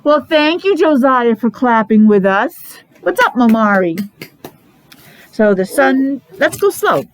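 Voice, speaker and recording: An American woman from New England teaches young children in an interactive preschool lesson, using a sing-song delivery full of simple repeated phrases and coaxing questions. Her voice is fairly high and animated, and she speaks slowly. The audio is poor, with a slight hiss or hum.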